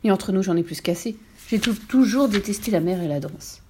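A tired ghost knight recounts his story and grumbles in confidence, as a woman reading aloud puts him on. His voice is mellow and close to the reader's own. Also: medium pitch, animated, brisk, slight background noise, lightly acted. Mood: weary. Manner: weary, confiding.

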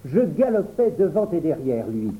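A man reading a children's story aloud, expressive storytelling. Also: fairly high pitch, moderate pace, phone-quality sound, background noise. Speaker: narrator.

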